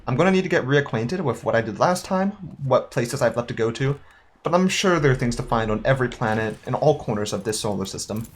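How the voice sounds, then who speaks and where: A young man hosts a let's-play with easy, chatty commentary. His voice sits at an ordinary middle pitch with a slightly husky edge. He reads in-game text aloud and mulls over his next move as he talks. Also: lively intonation, a little fast. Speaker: gaming YouTuber.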